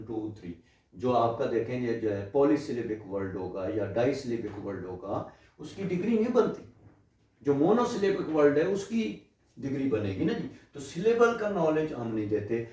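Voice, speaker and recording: A man's voice: medium pitch, warm tone. Male lecturer, explanatory, rhetorical questions, mixes in English phrases, distant mic, heavy room echo. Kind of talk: classroom lecture on linguistics. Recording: very echoey room, mic far off.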